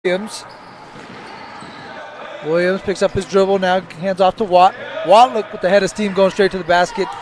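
A man's voice: high voice, steady tone, moderate pace, long pauses, crowd noise. A man calling basketball play-by-play, following each pass and shot. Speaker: play-by-play commentator.

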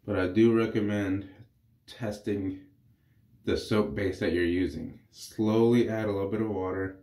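With a fairly low pitch and a measured pace, a man in his thirties who has a cold explains his shave on camera. His talk is easygoing and rambling, typical of a wet-shaving reviewer's casual vlog, and the small bathroom makes it echo.

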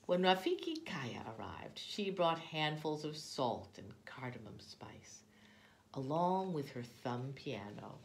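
A woman reads a children's picture book aloud, with an expressive storytelling manner. Her voice sits low. It rises and falls in a lively way. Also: slow pace, gravelly, slight background noise. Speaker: storybook reader.

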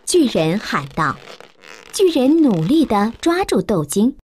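A woman narrating a children's storybook slowly and expressively. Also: a little high, breathy edge. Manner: slow, expressive, lively storytelling.

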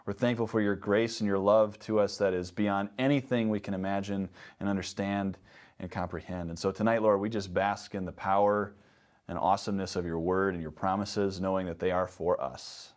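A man in his thirties preaching a sermon from a lectern on a dark church stage, reading scripture with earnest emphasis. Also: low voice, fairly even intonation, moderate pace. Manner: earnest, emphatic rises on key words, hushed in prayer. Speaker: pastor.

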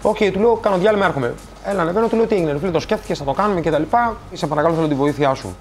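A man from Greece, a tattoo artist, telling stories in a casual interview and acting out the dialogue. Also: slight background noise. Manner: animated, acts out dialogue, rises in pitch when quoting.

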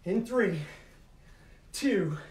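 A man's voice: high voice, expressive, drawn-out words. A middle-aged man calling out moves as an aerobics instructor, urging and motivating while he exercises. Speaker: fitness instructor leading a home workout. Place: carpeted living room at home. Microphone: camera several metres away. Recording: echoey room, distant mic, noisy.

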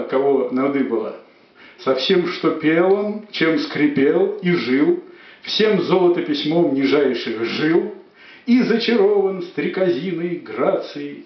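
A man giving a dramatic poetry declamation, with measured, emphatic phrases that swell and fall. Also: a little high. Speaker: poet reciting verse on stage. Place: echoey room, recorded at a distance. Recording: echoey room, distant dull microphone.

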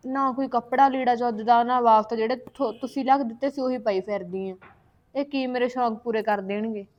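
A woman's voice: fairly high pitch, fairly even intonation, fairly quick, highs cut off, close to an everyday voice. A young woman playing a spoiled newlywed wife who whines and complains about her in-laws. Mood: complaining. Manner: whining, complaining, quarrelsome. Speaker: actor in a short film. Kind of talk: village short-film acting.

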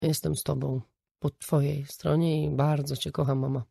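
Calm, gentle grown son, read by a woman, slow, warm and dark. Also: low-pitched, gravelly, breathy edge, no room sound, clean studio sound, full character voice.

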